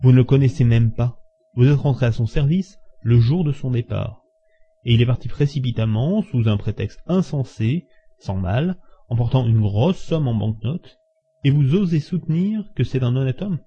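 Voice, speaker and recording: A man's voice: mid-range voice, animated, moderate pace, breathy edge. A man reading aloud and voicing a calculating male police detective who speaks curtly and insists. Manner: curt, insistent. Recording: dull lo-fi recording.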